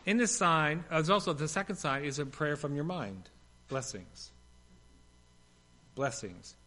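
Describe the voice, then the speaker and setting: A man preaching from the pulpit in a bright, forceful voice that sits a little high for a man. He moves from ringing emphasis to near-whispered lines and slips in playful, humorous asides along the way. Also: normal speed. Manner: expressive preaching with big swings between loud and hushed. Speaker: pastor. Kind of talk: sermon.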